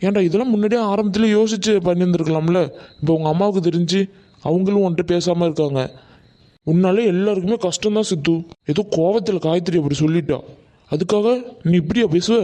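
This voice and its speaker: A man's voice: high voice, quick pace, dark tone, natural voice. A man voicing a blunt young male friend in a cartoon, scolding and lecturing his buddy. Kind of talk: Tamil cartoon voice acting.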